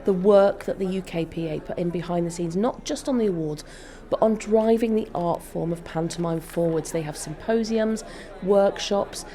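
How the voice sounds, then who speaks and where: With a dark tone and a voice on the low side, a woman talks at normal speed in an effusive, emphatic interview. She is joint chief executive of a theatre company, and an event crowd chatters busily in the background.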